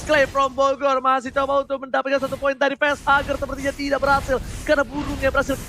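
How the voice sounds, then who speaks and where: A man with an Indonesian accent doing excited play-by-play esports commentary like a fighting game announcer, shouting hype calls. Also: extremely high pitch, fast, soft background music.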